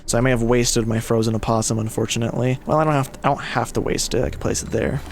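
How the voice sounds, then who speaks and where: A man's voice: mid-range voice, fairly even intonation, fast talker, creaky, slight background noise. A man giving casual commentary on a game playthrough, musing aloud as he goes. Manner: muses aloud, mildly swears. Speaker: gaming video player and commentator.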